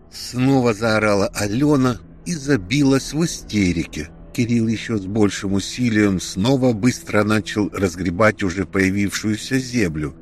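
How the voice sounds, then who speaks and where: Low-voiced male storyteller. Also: darkish tone. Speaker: narrator. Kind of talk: scripted story narration.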